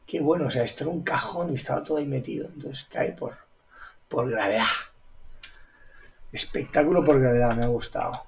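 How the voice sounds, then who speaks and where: A man giving casual gameplay commentary, excitable, repeating exclamations and squealing high when amazed. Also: a little fast, creaky, long pauses. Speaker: gaming YouTuber.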